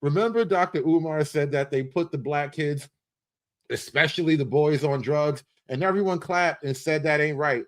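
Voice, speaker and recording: Here a man runs a livestream full of casual satire, his delivery animated, foul-mouthed and mockingly enthusiastic, with phrases repeated for emphasis. His voice sits on the high side at an ordinary pace.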